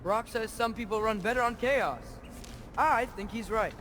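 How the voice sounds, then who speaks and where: A man's voice: high-pitched, moderate pace, background noise, natural voice. An actor, a man, playing an earnest, stubborn teenage boy adventurer in a fantasy video game. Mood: defensive, determined.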